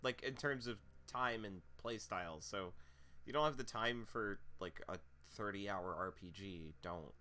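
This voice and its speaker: A man's voice: lowish voice, measured pace, bright, forceful tone. A man hosting a live tabletop game stream, chatting casually and joking at his own expense. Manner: self-mocking, joking. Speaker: stream host. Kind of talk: casual chat among tabletop players.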